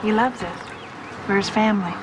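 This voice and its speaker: A woman's voice: medium pitch, brisk, very noisy, lightly acted. A woman acting in a TV drama as a guarded, possessive mother who is defensive about her boy. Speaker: actor in a TV film.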